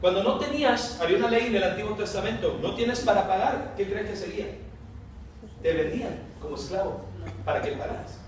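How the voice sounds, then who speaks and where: A man's voice: sits high, expressive, a little fast. A man preaching an evening sermon, putting questions to his congregation and reading scripture aloud. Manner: calls out questions and the congregation answers back; reads scripture aloud, raising his voice for dialogue. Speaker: pastor. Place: church sanctuary. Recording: very echoey hall, from a distance, faint hiss.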